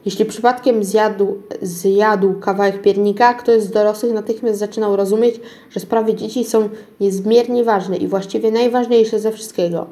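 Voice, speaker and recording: A woman reading a children's storybook aloud at a middling pitch. The reading is unpolished, with frequent stumbles and restarts on words. She keeps going in an everyday voice. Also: fairly even intonation, normal speed, few pauses, dark tone. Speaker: reader of a children's book.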